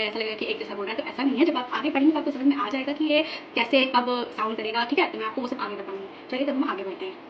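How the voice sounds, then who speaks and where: A woman's voice: on the high side, dull audio. A woman teaching a language lesson in a chatty, patient way, mixing English words into her Hindi. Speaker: language tutor. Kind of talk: casual spoken lesson.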